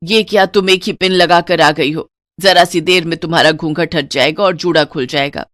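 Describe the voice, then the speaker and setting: A woman's voice: on the low side, fairly even intonation, normal speed, fairly bright tone, no echo, studio quality, close to an everyday voice. Woman voicing a stern old-fashioned mother-in-law. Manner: scolding, commanding.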